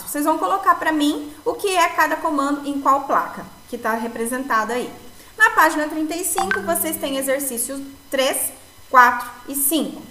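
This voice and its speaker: A woman teaching an English grammar lesson in Brazilian Portuguese, explaining slowly and repeating points with a checking "tá?". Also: sits high, pushed and bright, reverberant, rough recording. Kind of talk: recorded video lesson.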